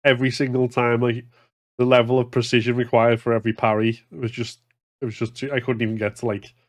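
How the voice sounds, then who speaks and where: A man's voice: mid-range voice, level tone, fast talker. Easygoing man hosting a podcast. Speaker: podcast host. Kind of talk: casual chat.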